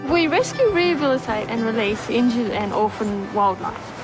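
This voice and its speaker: A woman who runs an animal rescue centre, explaining her work in a relaxed, plainspoken way with many ums and uhs. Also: fairly high pitch, moderate pace, low-quality recording. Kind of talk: casual explaining in interview. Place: wildlife rescue farm. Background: background music.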